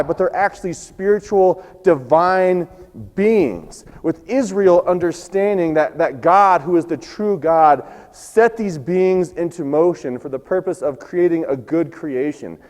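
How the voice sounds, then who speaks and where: A man's voice: high voice, measured pace, darkish tone, in a large hall. Man preaching a sermon with a slight twang. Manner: storytelling, acts out quoted lines. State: losing his voice. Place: church sanctuary.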